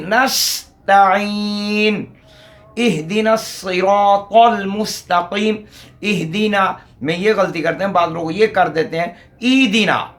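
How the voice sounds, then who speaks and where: A man teaching Quran recitation in a methodical lesson, pausing to sound out syllables slowly. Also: a little high, fairly bright tone.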